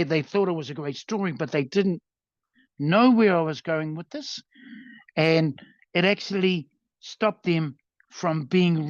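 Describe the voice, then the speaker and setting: A man's voice: sits high, dry recording. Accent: New Zealand. Sex: man. Role: workshop presenter. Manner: earnest, stumbling restarts. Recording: dull, dry video call audio. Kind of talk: coaching talk over a video call.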